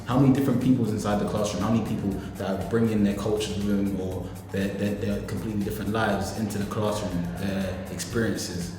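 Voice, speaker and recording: A man's voice: on the low side, fairly even intonation, brisk, hardly any pauses. A man giving earnest interview talk, emphatic and circling back over his phrases. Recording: very echoey hall, faint music.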